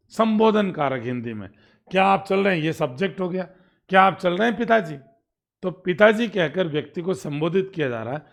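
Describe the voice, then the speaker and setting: A male teacher walking through an exam paper in a lecture. He reads the English sentences out slowly and keeps checking whether the students follow. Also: a little high, vocal fry. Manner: explains step by step in Hindi, reading English sentences out slowly; asks "ठीक है?" to check understanding.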